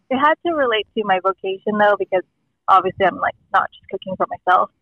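A woman's voice: medium pitch, expressive, brisk, dry recording. A woman heard over a phone on speakerphone, chatting casually as a phone-in guest with lots of "like" and "um" fillers and frequent laughs. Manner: rambling with many "like" and "um" fillers, laughs often. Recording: dull lo-fi phone line.

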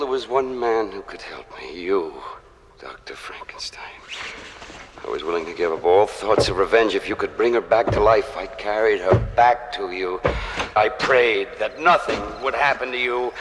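A man's voice: on the low side, background noise, close to an everyday voice. A man playing a tormented, pleading, vengeful monster in a theatrical horror monologue, with an anguished delivery that moves between whispers and cries. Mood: grieving remorse. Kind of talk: dramatic monologue, horror audio drama.

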